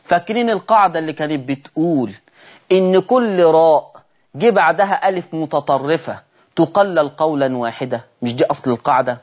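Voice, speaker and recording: A man with an Egyptian accent teaching Quran recitation on a televised lesson, animated and often asking his listeners rhetorical questions. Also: on the high side, a little fast, dull audio. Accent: Egyptian Arabic.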